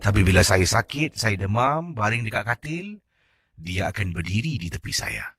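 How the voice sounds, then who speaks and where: Husky-voiced radio host man. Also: on the low side, very animated, normal speed, a bit bright, no echo, clean studio sound. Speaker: late-night radio host. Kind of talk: reading a listener's ghost story on air.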